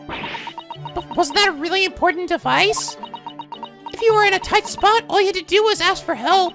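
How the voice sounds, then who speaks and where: A woman voicing a polite, earnest and caring young female assistant from a video game, in a courteous, gentle manner. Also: very high voice, very animated, moderate pace, over music, exaggerated voice. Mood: earnest concern. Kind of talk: hobby game dub read-aloud.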